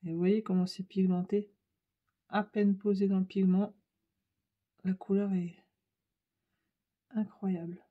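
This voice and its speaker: The recording is muffled as a woman with a husky, mid-range voice speaks slowly, with little pitch movement and long pauses. A craft channel host with a Ch'ti accent from northern France, she chats to viewers and thinks aloud while painting with the art supplies she's testing.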